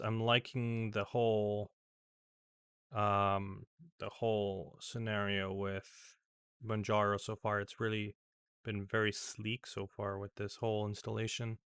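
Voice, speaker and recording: A man's voice: fairly low pitch, pushed and bright, smooth, no room sound, studio quality. A man giving casual, rambling commentary over a screen recording as a tech vlogger, with many fillers and restarts.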